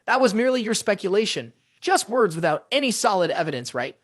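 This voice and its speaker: A scheming female senior disciple from a fantasy story recap, sweet on the surface and falsely innocent, as a man reads her lines, high and lively in pitch. The sound is dry and close. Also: fast talker, no room sound.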